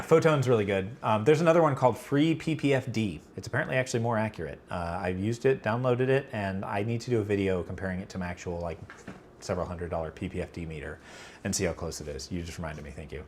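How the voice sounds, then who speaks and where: A man's voice: on the low side, quick pace, a little hiss or hum. A man hosting a casual livestream Q&A, rambling with lots of fillers and restarts, fighting allergies. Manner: rambling, filler-heavy, self-correcting. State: allergies, about to sneeze. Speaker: livestream host answering chat.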